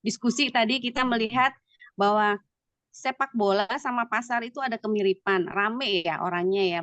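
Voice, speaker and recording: A woman's voice: medium pitch, fairly bright tone, no room sound. A woman trainee reporting her breakout group's discussion over a video call, explaining at length with many hesitant fillers. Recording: dull dry video-call audio.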